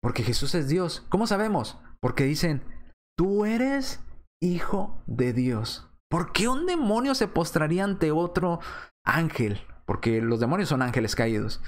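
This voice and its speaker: A man's voice: on the high side, very animated, normal speed. A man preaching a sermon, posing rhetorical questions and reading scripture aloud.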